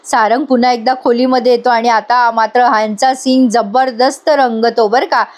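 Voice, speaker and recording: Chatty woman narrator, high-pitched, lively, speaks straight to viewers. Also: moderate pace. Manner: lively, addresses viewers, laughs at scenes. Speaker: serial recap narrator. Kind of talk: chatty storytelling recap.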